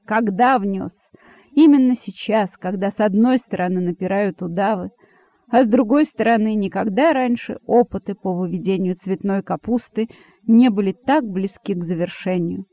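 A man's voice: sits high, normal speed. A man voicing an angry rabbit king. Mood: wrathful. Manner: angry, accusing, sarcastic. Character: wrathful male rabbit king, imperious. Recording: dry, phone-like narrow sound.

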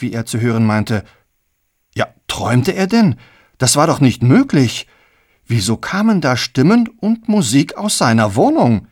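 Male audiobook narrator, measured and even, dry close recording. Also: medium pitch, no echo.

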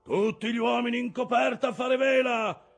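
A man's voice: mid-range voice, lively intonation, slow pace, slightly rough, soft background music, voice pushed up, full character voice. A man voicing an obsessed old sea captain who bellows orders feverishly in an audiobook reading. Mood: shouting orders.

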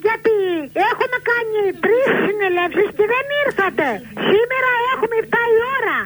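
A nagging older neighbour lady, voiced by a performer, whiny and plaintive, with a very high, thin voice. She comes through a radio broadcast. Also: fairly bright tone, rough recording.

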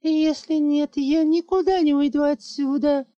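A woman voicing a stubborn little dragon girl who pleads insistently in a high, childlike voice. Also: fairly even intonation, unhurried, mellow. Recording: dull lo-fi audiobook recording.

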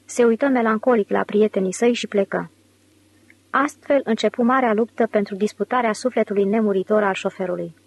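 A woman's voice: mid-range voice, creaky. Woman narrating an audiobook. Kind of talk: scripted narration.

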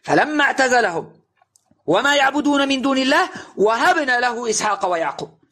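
High, bright-voiced insistent male preacher. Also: sing-song, a little fast. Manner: insistent, rhetorical questioning, emphatic recitation. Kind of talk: recorded religious lesson.

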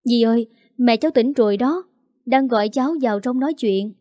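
A woman voicing an aunt who calls out loudly from a hospital room. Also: a little high, brisk, dry recording, studio quality, natural voice. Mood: calling.

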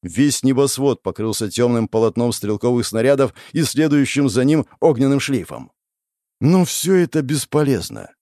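Expressive male audiobook narrator. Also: mid-range voice, moderate pace, no echo, clean studio sound. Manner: expressive storytelling, voicing the characters. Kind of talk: dramatic fiction narration.

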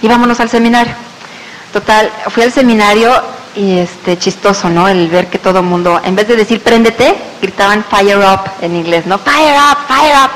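Mexican woman telling a lively testimony. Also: medium pitch, normal speed. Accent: Mexican Spanish. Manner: lively storyteller who acts out quoted voices. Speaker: speaker sharing a business testimony. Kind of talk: personal testimony told to an audience. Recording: reverberant hall with faint hiss.

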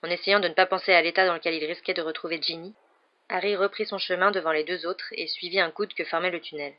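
An audiobook reader delivers scripted narration of a French novel, steady and measured. The voice is mid-range and the audio is dull and lo-fi.

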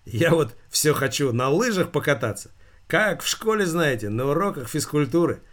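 A man's voice: a little high, big pitch swings, normal speed, a bit bright. Man doing a hearty, bantering company boss. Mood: jovial. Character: jovial teasing male company director.

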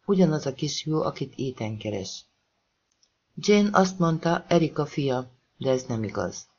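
A man's voice: on the high side, animated, breathy edge, highs cut off. A man voicing a shaken young woman who runs a shelter, speaking with a trembling urgency.

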